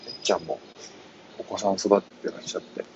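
A man in his thirties hosting a casual live chat, talking in a quiet mumble while riding a bus and reading out listener comments. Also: deep voice, fairly even intonation, brisk. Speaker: live-stream host. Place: on a moving city bus. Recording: dull phone audio with bus noise. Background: bus noise.

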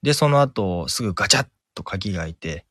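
A man with a fairly low voice tells a made-up ghost story with slow, suspenseful pacing, dramatic pauses and frequent hesitation fillers. The recording is dry and close, with no room sound around him. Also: animated, a bit bright, dry recording. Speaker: podcast co-host. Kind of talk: telling an invented ghost story, then casual chat.

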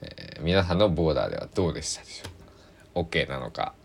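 Solo podcast host, thirties, deep voice, lively up-and-down pitch, rambles and restarts. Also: male voice, racing, vocal fry, a little hiss or hum. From Kochi, Japan. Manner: rambling, self-correcting, chatty. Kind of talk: casual solo podcast talk.

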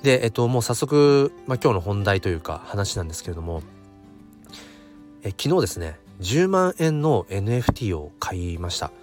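A man with a hoarse voice hosts a casual solo audio channel, thinking aloud in a hesitant way. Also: on the low side, very animated, normal speed, soft background music. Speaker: host of a daily audio channel.

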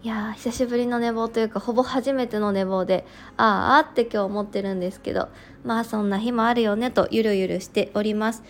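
A woman in her thirties who hosts a casual solo podcast as a working mother, talking in a soft, reflective way with frequent fillers and a slightly sleepy, slow tongue. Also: a little high, fairly even intonation. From regional Japan.

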